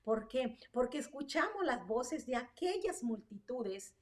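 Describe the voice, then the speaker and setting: A woman's voice: high-pitched, sing-song, a little slow, recorded from a distance. A woman preaching an online sermon with fervent energy, asking rhetorical questions and tagging her points with "¿verdad?". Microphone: online stream.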